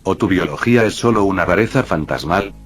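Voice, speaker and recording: A man's voice: sits low, lively intonation, a little fast. A man voicing a casual, easygoing teenage boy sidekick in a read-aloud fan story.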